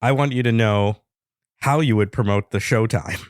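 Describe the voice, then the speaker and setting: A man co-hosting a podcast, recounting a chat in a dry, deadpan way. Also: on the low side, normal speed, clean tone, dry recording. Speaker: podcast co-host. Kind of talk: casual chat.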